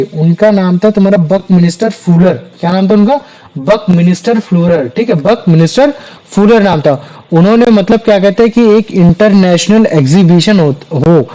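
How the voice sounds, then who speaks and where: A man's voice: high-pitched, warm tone, dull audio. A man teaching a chemistry class, talking casually to his students and asking them questions. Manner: chatty, calls students "bhaiya".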